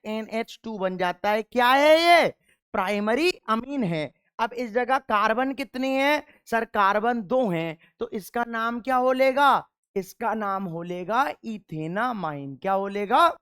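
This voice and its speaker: Smooth-voiced male teacher, drilling by question. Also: high voice, a bit bright, no echo, studio quality. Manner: quizzes with rhetorical questions and answers them himself; patient, repeats key answers for drilling. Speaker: chemistry teacher. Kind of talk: classroom lecture.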